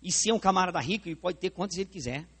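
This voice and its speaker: Rapid-fire and slightly rough, a high male voice with a Brazilian Portuguese accent fills the church sanctuary. The pastor is animated as he preaches, puts on a live demonstration, and fires questions directly at the congregation.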